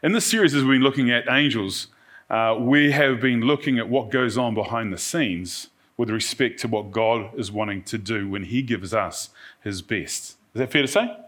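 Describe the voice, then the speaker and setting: A man's voice: mid-range voice, normal speed, fairly bright tone. New Zealand man preaching conversationally. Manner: checks in with listeners using short tag questions. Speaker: pastor. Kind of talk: conversational evening sermon to a congregation.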